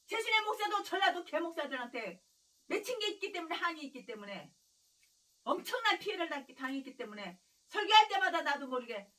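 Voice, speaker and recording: Recorded from a distance, this woman's high, slightly bright voice preaches a sermon in a fiery, scolding way. As a pastor, she keeps pounding on repeated phrases and erupts into harsh, angry, insulting rants.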